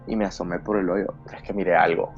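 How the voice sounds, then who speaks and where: Deep-voiced man telling a scary story. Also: steady tone, fast, muffled recording, soft background music. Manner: dramatic storyteller who acts out his own fearful past self. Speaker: podcast host. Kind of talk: recounting a personal scary story.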